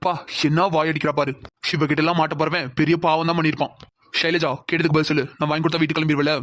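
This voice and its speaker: A man's voice: a little high, flat delivery, very fast, a bit bright, dry recording, lightly acted. A man voicing a cocky, teasing young man in a cartoon. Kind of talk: cartoon voice acting.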